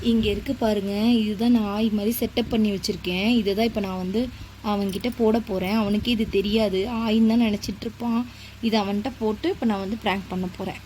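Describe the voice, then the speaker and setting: A woman filming a casual home vlog, playing a prank on her son with animated teasing and mock scolding. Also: medium pitch, fast talker, reverberant, slight background noise, poor audio. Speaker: mother pranking her son, family vlogger.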